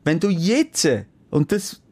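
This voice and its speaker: Swiss German male podcast co-host, chatty and rambling, slightly high voice. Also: very animated, slow pace, a little mellow. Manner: rambling storyteller with many restarts and fillers. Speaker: event host and DJ. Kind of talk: casual chat.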